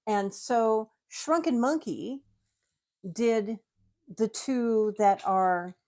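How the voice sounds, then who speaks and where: A woman's voice: a little high, very slow, noisy background. A woman guest in a casual chat, explaining her collection at length and laughing often. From United States. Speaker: guest, tiki mug collector. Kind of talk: casual chat, show-and-tell.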